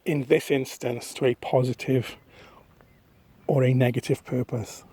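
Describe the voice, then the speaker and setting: A man talking into his phone on a misty countryside walk, thoughtful and rambling, pausing often. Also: medium pitch, steady tone, mellow. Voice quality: husky. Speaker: vlogger. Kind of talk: casual walking vlog monologue. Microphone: phone held at arm's length.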